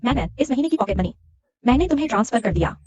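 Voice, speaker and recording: A woman's voice: on the high side, expressive, quick pace, a little mellow, slightly rough. An actress playing a doting, fussing mother-in-law heard through a phone message.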